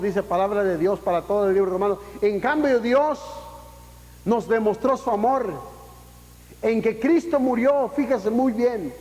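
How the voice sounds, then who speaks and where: A pastor preaches with passion, his high, somewhat mellow voice rising to emphatic peaks as he poses rhetorical questions and slips casual English phrases into his talk. A long echo from the church hall trails behind his words.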